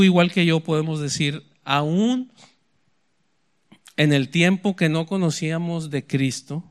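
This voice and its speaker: Conversational preacher, raised pitch. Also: male voice. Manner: conversational, frequent "¿verdad?" asides; slows for dramatic scripture quotes. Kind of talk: sermon.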